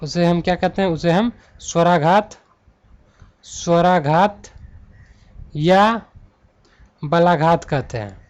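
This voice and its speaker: Male grammar teacher, high voice, slow drawn-out stress, asks and answers his own questions, dull recording. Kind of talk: classroom-style lesson.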